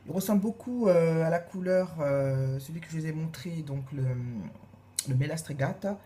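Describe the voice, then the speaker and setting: A woman reviewing makeup in a casual, gushing way, repeating her praise and filling pauses with hesitations. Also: deep voice, warm tone. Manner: gushing, repeats praise words, many fillers. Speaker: beauty vlogger.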